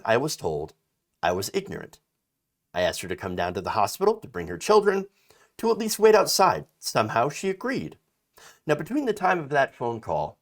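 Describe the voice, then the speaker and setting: A man in his thirties delivers political commentary in a slightly high voice that swings widely up and down. He talks emphatically, reading a story aloud and breaking in with his own remarks, fillers and restarts. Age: 30s.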